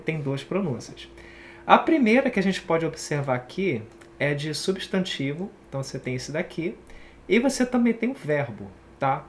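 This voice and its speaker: A man's voice: a little high, a little hiss or hum. A man from Brazil teaching an online English pronunciation lesson, casual and chatty, explaining while he writes on screen.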